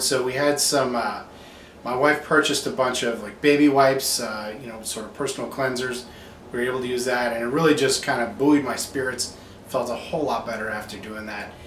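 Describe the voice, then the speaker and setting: A man's voice: medium pitch, a bit bright. A man speaking as a doctor in a casual explanatory video diary, matter-of-fact and explaining medical terms. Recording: echoey room, distant mic, faint noise.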